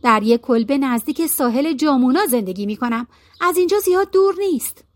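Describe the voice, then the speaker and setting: Woman doing a kind old bearded man, soft, gentle, higher pitch, storybook. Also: expressive. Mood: kindly.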